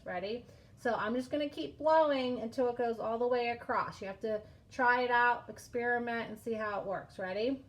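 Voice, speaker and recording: A woman teaching a craft lesson to preschool children in a patient, sing-song way. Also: on the high side. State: out of breath from blowing through a straw.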